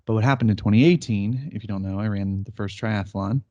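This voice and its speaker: Dark-voiced man chatting casually. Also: fairly low pitch, fairly quick, no room sound, highs cut off. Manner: animated storytelling, laughs often, acts out quotes. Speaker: podcast co-host. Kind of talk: casual chat. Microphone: remote call setup.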